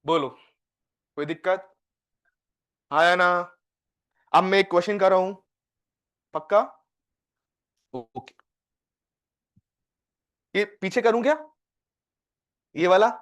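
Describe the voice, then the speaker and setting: A male physics teacher with an Indian accent, lecturing a live class and quizzing students with quick questions. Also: high-pitched, fairly bright tone. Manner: dictates questions slowly, word by word.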